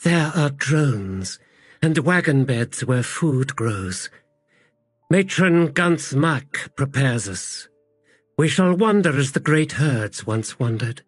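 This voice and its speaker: A man's voice: mid-range voice, animated, slow pace, dry recording, faint music behind, pitched above the performer's own voice. A man voicing a bitter, guilt-haunted woman warrior, grave and heavy, in an audiobook.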